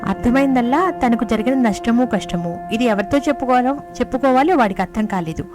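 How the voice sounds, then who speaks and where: A woman reading a story aloud in a gentle, expressive way, voicing the characters. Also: on the high side, brisk. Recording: music playing behind the voice.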